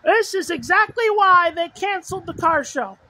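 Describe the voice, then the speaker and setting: A very high-voiced woman delivers live storm-chasing commentary over faint weather noise. She is excitable and exclamatory, coming back to the same short phrases again and again. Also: moderate pace. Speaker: storm chaser livestreaming. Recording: noisy outdoor recording with rain and wind.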